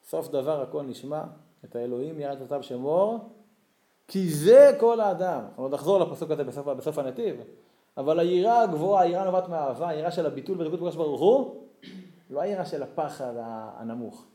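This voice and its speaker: A man's voice: fairly high pitch, animated, warm tone, reverberant. A man giving a religious Torah lesson, telling stories expressively and rising to emphatic peaks. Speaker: Torah teacher.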